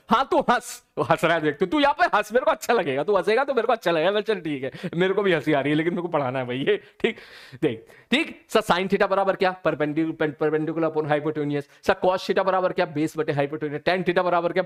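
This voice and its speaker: A man teaching a live online physics class, chatty and teasing, talking to his students informally. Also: a little high.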